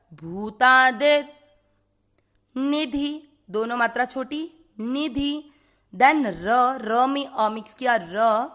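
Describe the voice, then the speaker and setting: A woman from India leads a slow pronunciation lesson in a somewhat high voice. She takes her time over every syllable, spelling out each sound and then chanting the whole line. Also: a bit bright. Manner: slow, careful, repeats each syllable and chants the verse lines. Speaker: Sanskrit recitation teacher.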